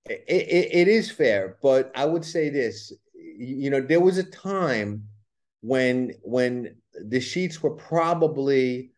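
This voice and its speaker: This horse racing handicapper from New York speaks slowly and animatedly in a mid-range voice, his Brooklyn accent clear throughout. As an interview guest on a conversational podcast, he tends to repeat words while explaining things.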